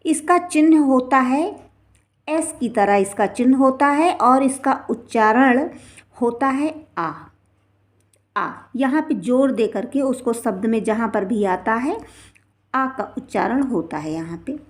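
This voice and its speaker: High voiced lady teacher going slow, repeats example words and stretches them out. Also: animated. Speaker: Sanskrit teacher. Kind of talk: classroom-style explanation.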